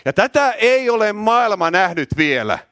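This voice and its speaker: A middle-aged man preaching a loud, excited charismatic sermon in a church, often shouting and repeating words when worked up. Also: sits high, no room sound, clean studio sound.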